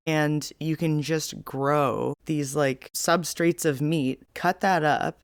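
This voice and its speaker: A woman co-hosting a casual podcast chat, giving long, animated, rambling explanations. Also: deep voice, clear, resonant tone, dry recording, studio quality. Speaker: podcast co-host.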